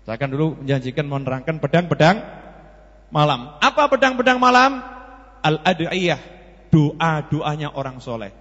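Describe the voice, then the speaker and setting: A man with a Javanese accent preaching a sermon, animated and telling stories, acting out the dialogue as he goes. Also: fairly high pitch, moderate pace. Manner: animated, acts out dialogue in the story, mixes in Javanese. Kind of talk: sermon with storytelling. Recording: lo-fi echoey hall.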